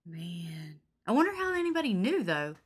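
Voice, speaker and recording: A woman's voice: lowish voice, sing-song, moderate pace, slightly rough. A woman co-hosting a casual podcast, playful and laughing through her lines. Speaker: podcast co-host.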